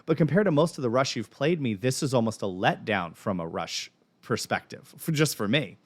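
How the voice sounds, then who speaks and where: Lively bearded thirty-something man chatting. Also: medium pitch, moderate pace, slightly rough. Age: 30s. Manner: thoughtful, rambling with frequent ums and laughs. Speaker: show co-host reacting to music. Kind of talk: casual chat.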